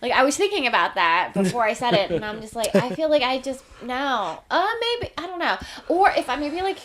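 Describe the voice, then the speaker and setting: A woman's voice: a little high, lively intonation, a little fast, fairly bright tone. A woman co-hosting a casual movie podcast, giggly and hesitant, often trailing off mid-thought. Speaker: podcast co-host.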